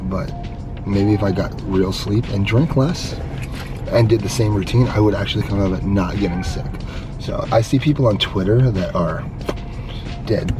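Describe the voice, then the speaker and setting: A man vlogging casually in a car, his sick, worn-out voice a hoarse smoker's rasp, chatting in a laid-back, rambling, slangy way. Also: fairly low pitch, moderate pace, music in the background. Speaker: video blogger. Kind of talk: casual vlog chat to camera. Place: inside a car.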